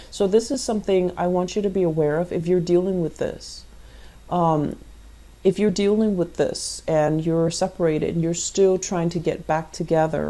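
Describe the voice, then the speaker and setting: Speaking straight to the listener, a tarot reader and channel host talks through a card reading in a conversational, explanatory way. She has a low voice with a dark tone.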